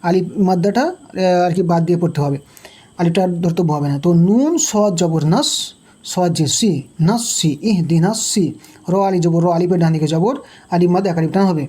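Woman, Quran teacher, patient syllable drilling, mellow tone, slow chanting between explanations. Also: fairly low pitch, husky. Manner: slow melodic chanted recitation. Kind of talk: spelled-out recitation lesson.

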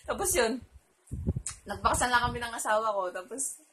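A woman's voice: on the high side, animated, a little fast, noisy background. A Filipino woman vlogger telling a personal story to her viewers in a casual, chatty way, laughing often and trailing her phrases with fillers.

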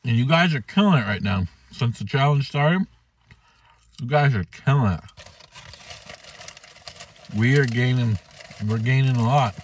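A man's voice: medium pitch, expressive, unhurried, long pauses. A man in his thirties chatting casually to camera while eating in a mukbang vlog, recorded inside a car. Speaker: food vlogger. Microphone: phone or camera at arm's length.

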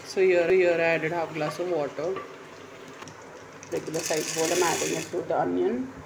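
A woman's voice: lowish voice, moderate pace, vocal fry, noisy background. A woman narrating her home cooking vlog step by step, recorded on a phone in her kitchen. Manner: steady step-by-step instructional narration. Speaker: cooking vlogger.

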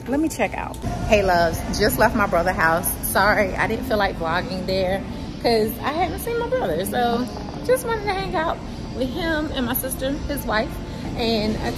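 Chatty woman vlogging in a store. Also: medium pitch. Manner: chatty, informal slang, talks to viewers as loves. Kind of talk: casual vlog chat. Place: store and mall, indoors.

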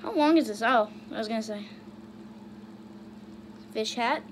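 A woman's voice: on the high side, measured pace, a little hiss or hum. A young woman casually commenting on funny videos, bursting into shrieks and then muttering to herself. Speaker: YouTuber reacting to videos.

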